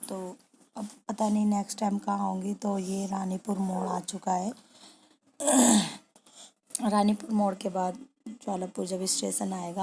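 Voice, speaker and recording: A young woman narrating her own vlog in a soft, quiet, subdued voice, grieving and tearful at times. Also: mid-range voice, noisy background. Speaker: vlogger. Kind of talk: personal vlog voice-over.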